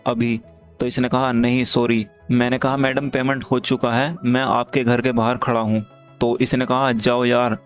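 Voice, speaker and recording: A man hosting his channel, walking through a screen-recorded chat and reading the messages aloud in a steady, even way. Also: mid-range voice. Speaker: channel host. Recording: faint background music.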